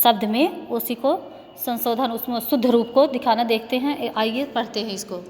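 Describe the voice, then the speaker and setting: Woman schoolteacher, slightly high voice, patient and repetitive delivery for young kids, roomy echo with long reverb. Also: a little mellow. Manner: patient, repeats words slowly for young pupils. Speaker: school teacher. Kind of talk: classroom grammar lesson. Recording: echoey room with faint background noise.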